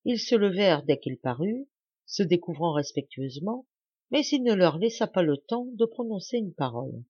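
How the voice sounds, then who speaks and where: A woman reading a classic novel aloud in an expressive, dramatic narration, recorded dull and muffled. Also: on the low side, moderate pace, husky, dry recording. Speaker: audiobook reader. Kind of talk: scripted literary narration.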